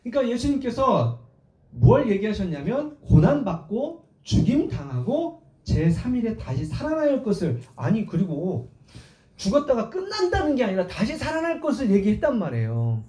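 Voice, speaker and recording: Animated Korean pastor preaching in echo. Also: male voice, high voice, moderate pace. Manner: animated preaching, acts out quotes with shouts. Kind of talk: sermon. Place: church sanctuary.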